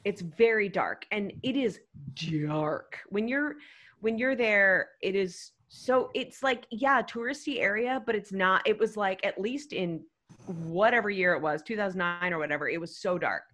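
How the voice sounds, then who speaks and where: Telling a comedic tale as a guest on a podcast panel, this woman speaks at a moderate pace in a medium-pitched voice. She's animated and rambling, with plenty of emphatic "freaking."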